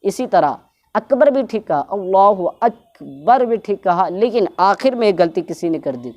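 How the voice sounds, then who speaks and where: A woman's voice: medium pitch, animated, a little mellow, dull audio. A woman giving a religious instruction talk, explaining at length, repeating her points and drawing out words to show how they should be pronounced. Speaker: religious teacher.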